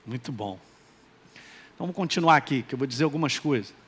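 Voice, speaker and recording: A male pastor with a Minas Gerais accent preaching a lively sermon and acting out quoted voices. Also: mid-range voice, brisk, breathy edge. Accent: Minas Gerais Brazilian Portuguese. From Minas Gerais, Brazil. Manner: animated, acts out quoted voices, calls for responses.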